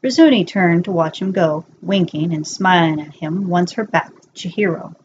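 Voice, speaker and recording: Reading a scripted fan-fiction bedtime story, a woman speaks at a moderate pace in a somewhat low, slightly mellow voice. The amateur home recording sounds muffled and lo-fi, with a bit of background noise.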